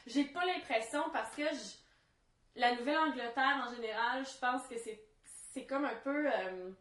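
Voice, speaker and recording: A woman with a Quebec French accent speaks in a bright, forceful voice on the high side. She talks casually, as on a podcast, in a roomy, echoey space. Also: unhurried. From Canada. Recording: roomy, echoey room sound.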